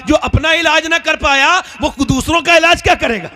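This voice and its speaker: High-voiced male preacher telling stories. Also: normal speed, pushed and bright. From northern India. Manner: storytelling, quizzes the audience with rhetorical questions. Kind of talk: sermon.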